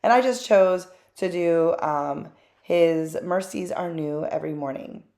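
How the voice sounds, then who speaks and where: Her voice slightly low and a little mellow, a woman talks through her craft project in a voice-over. It's loose and unscripted, with candid chatter, small digressions and plenty of ums, as if she's addressing her regular viewers.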